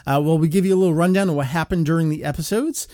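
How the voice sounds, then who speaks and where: A man's voice: on the high side, very fast, warm tone, dry recording. A man hosting a podcast in casual chat, upbeat and jokey, with frequent filler words. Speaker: podcast host. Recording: dry close-miked podcast audio.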